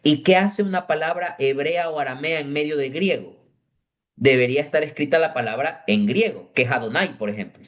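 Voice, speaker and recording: A man's voice: on the high side, a little fast. A man teaching an adult catechism class in a parish classroom, explaining step by step and often checking that his students follow.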